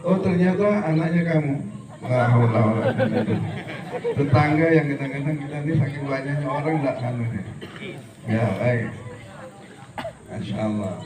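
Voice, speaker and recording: At a school event, a middle-aged man lectures on religion with humor, his medium-pitched voice expressive and his pace normal, broken by long pauses. He jokes, mimics regional dialects in quotations, and preaches to students about continuing to grow. The background is noisy, and the echoey hall makes him sound distant.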